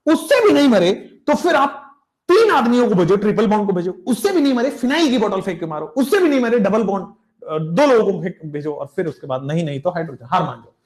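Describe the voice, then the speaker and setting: A male chemistry teacher lectures with a very lively, swooping voice and a playful storytelling manner. He chants his memory tricks slowly and repeats them, calling out to his students. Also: sits high. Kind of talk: animated classroom lecture with mnemonics.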